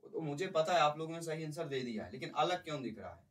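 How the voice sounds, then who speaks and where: A man's voice: on the high side, lively intonation, fast talker, fairly bright tone, recorded from a distance, low-quality recording. A male teacher giving an exam-prep lecture, explaining by repeating points and putting questions to the class.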